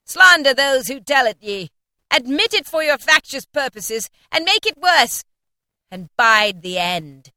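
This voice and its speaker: A woman voicing a stern, sorrowful spirit who speaks in loud, slow, solemn pronouncements. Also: sits high, very animated, no room sound, studio quality, voice pushed up, exaggerated voice. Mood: solemn warning.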